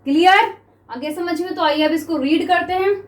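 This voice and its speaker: A woman's voice: very high voice, moderate pace. A woman with an Indian accent teaching shorthand to students, often checking if they understand and reading out sentences for dictation. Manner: coaching tone, repeats "clear?" and "students" often. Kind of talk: classroom lesson with slow dictation.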